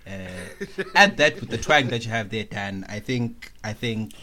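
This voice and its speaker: A man from Zimbabwe co-hosting a podcast, teasing the others in a dry, measured way. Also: fairly low pitch, bright, forceful tone. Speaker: podcast co-host. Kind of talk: casual podcast chat.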